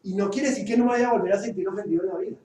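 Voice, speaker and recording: Male trainer, high mellow voice, quizzes group; recorded far off in echoey room. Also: rapid-fire. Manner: asks the group questions, stresses key points. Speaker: workshop trainer. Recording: echoey room, far from the mic, faint hiss.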